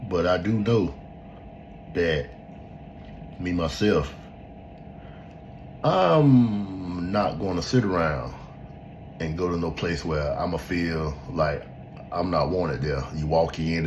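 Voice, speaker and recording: A man's voice: sits low, slight background noise, poor audio. A man hosting a podcast, talking in a blunt and emphatic way with casual swearing, giving his opinion in a loose, unscripted chat. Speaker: podcast host. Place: at home in front of a laptop.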